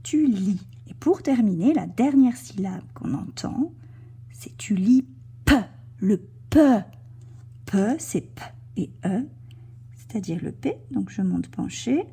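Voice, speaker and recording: A woman teaches young children cursive handwriting, describing each stroke slowly and gently as she writes and sometimes dropping into a soft whisper. Her fairly high voice is expressive and gravelly, with a breathy edge.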